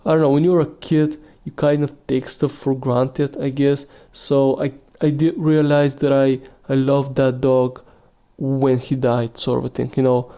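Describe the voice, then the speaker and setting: A man's voice: medium pitch, level tone, unhurried, dark tone, clean tone. A man hosting a solo podcast, talking casually and rambling with many restarts and fillers. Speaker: podcast host.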